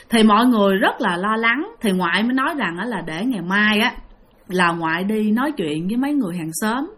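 A woman's voice: medium pitch, fairly bright tone. A woman with a Southern Vietnamese accent narrating a ghost story in a chatty way, often speaking directly to her listeners. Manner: chatty, addresses listeners, heavy filler particles.

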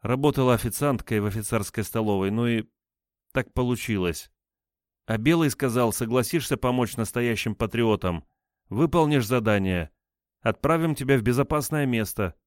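Using a mid-range voice close to his everyday one but pitched a bit above it, a man plays a frightened young woman being interrogated. She comes across as hesitant, flustered and pleading, delivered at normal speed in a studio-quality recording with no room sound.

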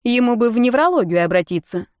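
Woman voicing a loud, snide young blonde. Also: on the high side, expressive, quick pace, dry recording, studio quality, voice pushed up, lightly acted. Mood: scornful. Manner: brash and teasing.

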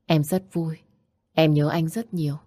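A woman's voice: deep voice, fairly even intonation, measured pace, warm tone, dry recording, studio quality. A woman reading the part of a young wife who speaks in a soothing but firm way in an audiobook. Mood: gentle. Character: calm, loyal young wife.

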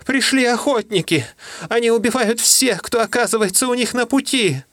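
A man's voice: very high voice, moderate pace, a bit bright, no room sound, clean studio sound, pitched above the performer's own voice. A man voicing a small, melodramatic creature who declaims in breathless bursts, read in an audiobook. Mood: panicked. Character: small frantic creature, melodramatic verse-spouter.

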